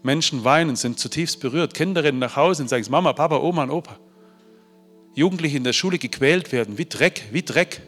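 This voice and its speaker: A man telling a moving story to an audience, swinging between loud bursts and hushed, quiet passages. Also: fairly high pitch, fast. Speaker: speaker. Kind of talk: motivational storytelling talk. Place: large hall. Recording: hall reverb with faint music.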